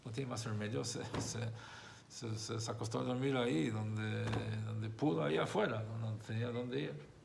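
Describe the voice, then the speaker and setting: A man's voice: medium pitch, moderate pace, gravelly, noisy background. A man, a rabbi, teaching a religious text class, who explains by repeating and rephrasing his points and tells a story along the way.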